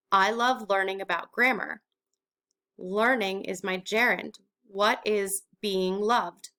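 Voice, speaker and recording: Bright-voiced woman teaching grammar. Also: medium pitch. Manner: explains step by step, asking and answering her own questions. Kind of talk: recorded grammar lesson.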